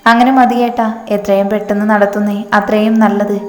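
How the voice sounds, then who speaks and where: Brief: heartless plotting mother, cold and calculating, flat tone, echoey room, read by a woman. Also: mid-range voice, brisk, lightly acted. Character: cruel scheming middle-aged mother. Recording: echoey room with long reverb, faint music.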